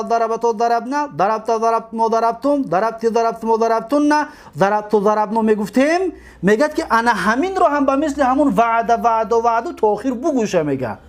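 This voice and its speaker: A man with a Tajik accent teaching a grammar lesson, drilling word forms slowly and answering his own questions. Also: very high voice. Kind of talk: classroom lecture, explaining grammar.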